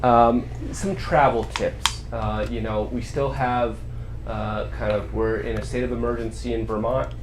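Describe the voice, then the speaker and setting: A man hosting an informal community interview, asking rambling questions in a halting, conversational way. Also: medium pitch, little pitch movement, background noise. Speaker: host.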